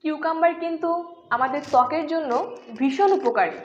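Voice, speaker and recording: A woman teaching English pronunciation in a scripted lesson, repeating each example word slowly and deliberately. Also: high-pitched, animated. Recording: echoey room, dull lo-fi sound.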